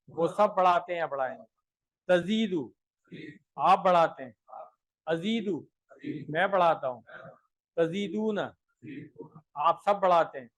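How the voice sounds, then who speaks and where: Male language teacher, high voice; patient explainer who leads chanted recitation drills. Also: poor audio. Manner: explains in a steady teaching voice, then chants conjugation tables rhythmically; checks understanding with frequent rhetorical asides. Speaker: Arabic grammar teacher. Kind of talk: classroom lesson with recitation drills.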